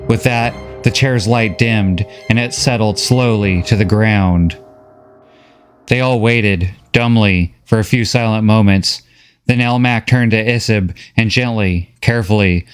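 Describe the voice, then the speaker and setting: A man reading a novel recap as scripted story narration, steady and measured. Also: fairly low pitch, clear, resonant tone, soft background music.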